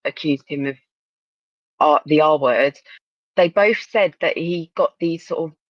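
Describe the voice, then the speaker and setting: A woman's voice: low-pitched, measured pace, no echo, muffled recording. A woman with an Essex accent chatting casually as a guest on a live discussion. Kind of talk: casual chat.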